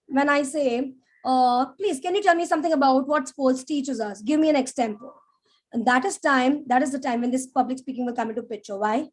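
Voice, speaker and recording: A woman teaching a live public speaking class, animated and demonstrative, often checking in with "yeah?". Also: sits high. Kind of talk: live online class lecture.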